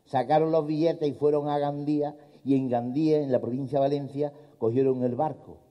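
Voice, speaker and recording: A man's voice: fairly high pitch, fairly even intonation, brisk, long reverb tail. A man telling folksy jokes live on an outdoor stage, slipping into character voices. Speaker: stand-up comedian. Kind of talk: live stand-up storytelling. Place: outdoor town square stage. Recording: dull lo-fi live recording.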